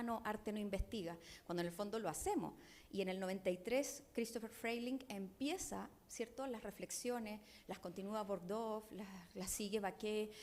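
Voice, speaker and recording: A woman's voice: medium pitch, darkish tone. A woman from Chile with a Chilean accent, speaking as a discussant on an academic panel, thoughtful and digressive, often adding tag questions.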